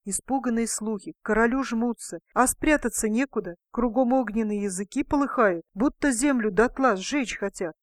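A woman reading a fairy tale aloud, giving the characters lively, shouted voices. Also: a little high, moderate pace, hardly any pauses, dry recording, clean studio sound. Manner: expressive, shouts the king's lines. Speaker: storyteller.

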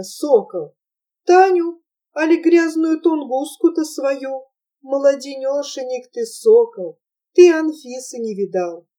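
A woman's voice: high-pitched, dark tone, far from the mic. Anfisa: a woman doing a bewitching young temptress. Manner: coaxing, tender, pleading. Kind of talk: audiobook character voice.

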